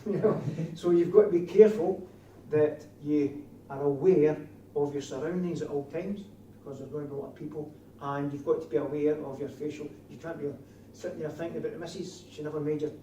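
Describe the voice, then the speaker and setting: Male instructor, broad Scottish accent, very mellow tone, classroom teaching, recorded at a distance from the mic. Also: fairly high pitch, fairly even intonation, fairly quick, hardly any pauses. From Scotland. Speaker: trainer of door supervisors. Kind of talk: classroom instruction with questions to trainees. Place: indoor training classroom. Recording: distant mic, echoey room, faint noise.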